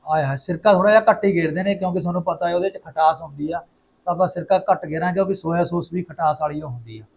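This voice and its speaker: High-voiced, exclamatory Punjabi man. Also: very fast, vocal fry, slightly rough. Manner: exclamatory and playful, repeats phrases. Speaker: home cooking vlogger. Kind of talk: casual chat to viewers while cooking.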